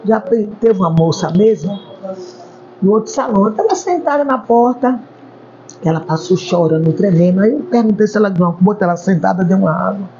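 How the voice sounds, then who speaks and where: In this interview, a hair stylist recounts stories, doubling up words to stress them. Her mid-range voice moves fairly quickly over crowd noise, and the lo-fi recording sounds dull, with a faint hum of background noise.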